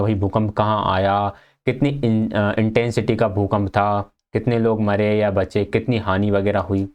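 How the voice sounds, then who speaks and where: Young male teacher, lowish voice, casual exam-prep explainer who reads notes then paraphrases. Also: a little mellow.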